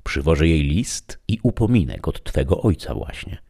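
A polite, eager young page from an old storybook, as a deep-voiced male narrator plays him. He speaks in formal, deferential courtly phrases, a touch higher than the reader's own very low voice. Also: big pitch swings, moderate pace, vocal fry, dark tone, slightly rough, full character voice. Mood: courteous.

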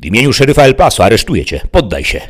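A man voicing a young male deputy sheriff with an urgent, commanding delivery and a husky voice. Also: a little high, wildly swooping pitch, moderate pace, voice pushed up.

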